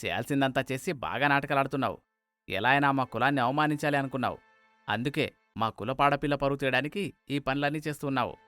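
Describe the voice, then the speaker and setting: A man voicing an angry, proud older village man who shouts threats in a cartoon story. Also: mid-range voice, quick pace, no echo, soft background music, natural voice.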